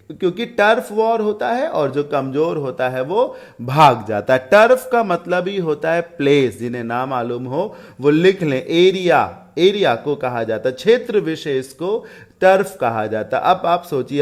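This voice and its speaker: A man with an Indian English accent teaching English idioms, reading sentences slowly and explaining them in Hindi, spelling words out letter by letter. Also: a little high.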